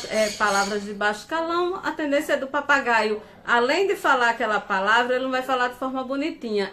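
A woman's voice: on the high side, a bit bright, a little hiss or hum. A woman hosting a casual live stream from home, reading viewer comments aloud and laughing often.

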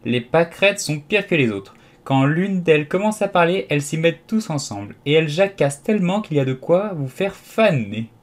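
A man's voice: a little high, expressive, normal speed, hardly any pauses, pitched above the performer's own voice, close to an everyday voice. A man voicing a proud, bossy talking tiger lily in an audiobook, imperious and scolding. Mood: haughty.

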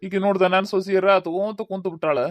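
A woman's voice: medium pitch, steady tone, fast, no echo, close to an everyday voice. A woman with a North Karnataka Kannada accent, playing a worried old village father-in-law in a comedy skit, rambling and repeating her questions. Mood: worried, bewildered.

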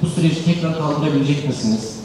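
A man from Istanbul asks a long, hesitant question with many fillers. He speaks fast. He sounds distant in a large hall with long reverb and clear background noise. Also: fairly high pitch. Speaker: audience member asking a question. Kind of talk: question from the audience.

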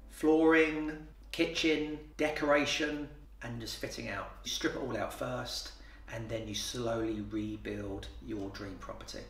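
Heard from far off in a roomy office, a renovation company boss fields interview questions. His mid-range voice is a bit bright, and his answers are plain-spoken and matter-of-fact, with repeated fillers and restarts.

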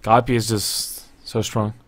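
This solo play-by-play comes from a young esports caster from the Netherlands, speaking with a Dutch accent from his home desk through earbuds and a webcam. His fairly low voice is flat, a little slow and breathy at the edges. He keeps the commentary loose and chatty, reasoning aloud and swearing now and then.

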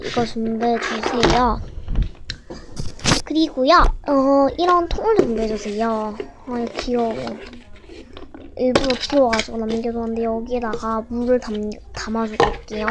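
Cutesy teen girl vlogger, soft voice. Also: a little high, very noisy. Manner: chatty, cutesy, often drops to a soft near-whisper. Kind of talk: casual tutorial vlog.

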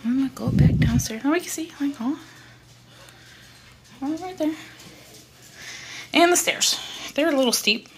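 Woman vlogger, rambling house-tour narration, pitch a bit high, noisy handheld recording. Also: a little slow, long pauses. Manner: chatty, rambling, coos at her pets in a high baby voice. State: tired after moving. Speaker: vlogger giving a home tour. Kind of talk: casual home tour narration. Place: inside a newly moved-into house.

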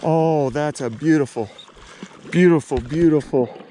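A man's voice: fairly high pitch, measured pace, warm tone, slight background noise. Upbeat man narrating his fishing trip. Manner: upbeat, repeats words while landing fish. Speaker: fly fishing vlogger. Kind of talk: casual running commentary. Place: outdoors on a lake in a small boat.

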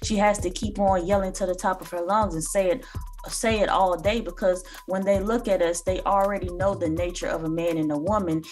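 A woman's voice: fairly low pitch, steady tone, fairly quick, a little mellow, soft background music. A woman in her thirties, host of a reaction channel, giving earnest, lecturing commentary with occasional ums, recorded indoors on a phone or webcam. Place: small room indoors.

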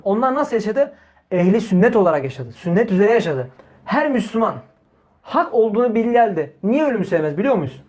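A man's voice: high-pitched, a little mellow. A man preaching in an informal religious talk, speaking emphatically, repeating key phrases, asking rhetorical questions and addressing his listeners directly as brothers. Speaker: Islamic preacher.

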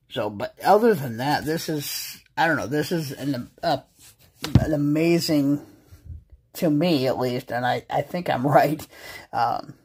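A man's voice: medium pitch, darkish tone, husky. An American man in his thirties chatting casually as he explains things as a vlog host, folksy, slangy and plain-spoken. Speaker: vlog host and ham radio hobbyist. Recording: faint outdoor ambient noise.

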